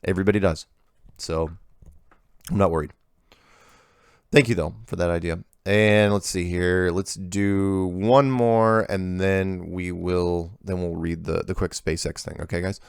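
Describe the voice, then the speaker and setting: A middle-aged man with a low, gravelly voice reads viewer emails aloud and comments on them in an easygoing, offhand way, at a measured pace. He comes across as a regular host chatting with his audience, recorded dry and close with almost no room sound.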